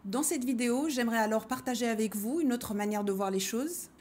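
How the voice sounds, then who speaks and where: Thoughtful woman with a higher voice. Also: darkish tone. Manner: poses rhetorical questions, measured and thoughtful. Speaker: language-learning video host. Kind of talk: reflective scripted talk to camera.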